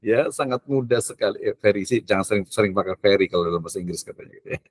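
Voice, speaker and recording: Male lecturer with a lower voice and a dry, close sound; casual and joking. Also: very fast, dry recording. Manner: chatty and joking, mixes in English phrases, frequent filler tags. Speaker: university lecturer.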